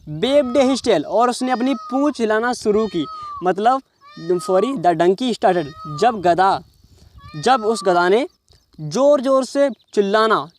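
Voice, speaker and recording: A man teaching an English reading lesson, explaining each English word in Hindi and often checking whether the listener understands. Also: sits high. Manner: reads English words slowly, then explains each in Hindi; keeps checking the listener with "समझ रहे हो".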